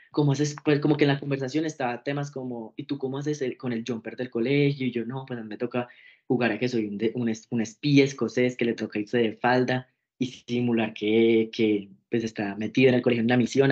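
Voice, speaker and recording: A man's voice: medium pitch, highs cut off. A young man, telling his story as an interview guest in a casual way and acting out the voices of the people in it. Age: young adult. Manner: animated, acts out quoted dialogue.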